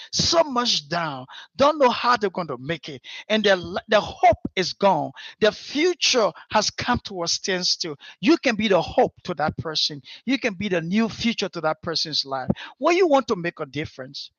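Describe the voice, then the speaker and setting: Male organization head, passionate motivational speaker; high, forceful voice, dry lo-fi sound. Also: no echo. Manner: fervent, pleading, repeats "my friend" often. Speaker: director general of an organization. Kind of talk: impassioned motivational speech.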